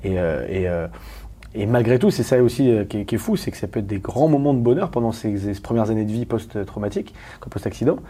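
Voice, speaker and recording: A man from Paris, a guest talking candidly in an interview, rapid and emphatic with many restarts and questions to the listener. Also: fairly low pitch, dark tone, breathy edge. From Paris, France.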